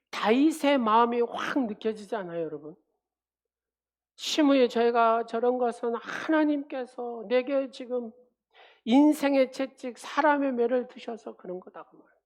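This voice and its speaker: A woman pastor preaching a sermon at a church service, driving her points home with repeated phrases and questions to the congregation. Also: a little high.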